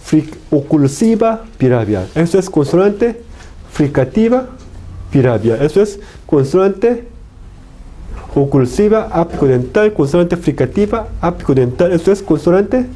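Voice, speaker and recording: A man giving a phonetics lecture, slowly repeating example words over and over. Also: fairly high pitch, big pitch swings, warm tone. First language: Korean. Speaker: university lecturer.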